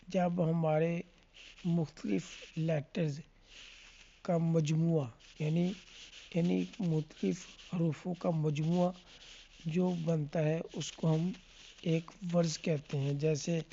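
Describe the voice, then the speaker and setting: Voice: mid-range voice, gravelly, dark tone, dull audio. A teacher giving a classroom lesson on letter sounds, asking questions and answering them and often checking in with the listener. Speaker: English phonics teacher.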